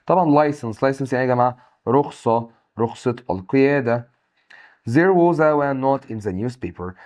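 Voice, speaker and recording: A young man with an Egyptian Arabic accent giving an exam review lesson, briskly reading English words and then their Arabic meanings. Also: medium pitch, a little mellow. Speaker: English teacher.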